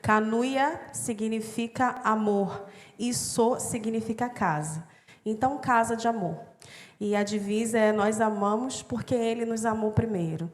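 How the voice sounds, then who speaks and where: A woman's voice: a little high, a little slow. A woman with a Brazilian accent, a missionary and interpreter, speaking to a congregation in short phrases.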